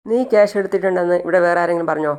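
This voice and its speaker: A narrator voicing a young man who calmly reasons and reassures. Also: medium pitch, very fast, smooth, lightly acted. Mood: reasoning. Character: young man defending a friend, calm and firm.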